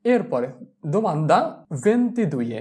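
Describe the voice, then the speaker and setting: A man's voice: on the high side, big pitch swings, darkish tone. Man teaching pronunciation, spells things out bit by bit, voice jumps up and down a lot. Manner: spells words letter by letter, then repeats them slowly. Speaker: Italian language teacher. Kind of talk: classroom lesson explaining pronunciation.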